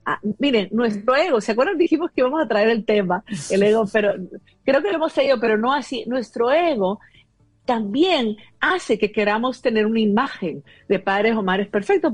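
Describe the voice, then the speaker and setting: Husky woman in her fifties giving earnest advice. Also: on the high side, lively intonation, moderate pace, no echo, soft background music. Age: 50s. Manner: earnest, explanatory, fillers like "eh" and "¿no?". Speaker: guest expert on parenting. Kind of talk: conversational advice talk.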